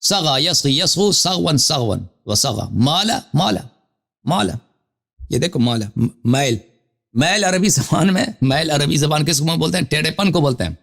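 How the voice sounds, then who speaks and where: A man's voice: a little high, expressive, creaky. A man hosting a live call-in show, reading Arabic citations and explaining them at length, with questions for the caller. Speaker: Shia cleric host of a live call-in show. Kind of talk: scholarly lecture reading Arabic sources.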